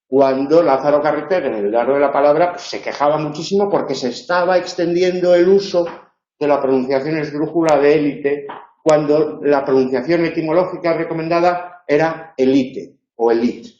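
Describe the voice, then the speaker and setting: A man's voice: on the high side, moderate pace, darkish tone. A man from giving a university tutorial lecture, explaining patiently and checking in with his listeners. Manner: explanatory, with frequent "eh" and "¿vale?" check-ins. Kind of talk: live online tutorial lecture. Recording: echoey room, dull lo-fi sound.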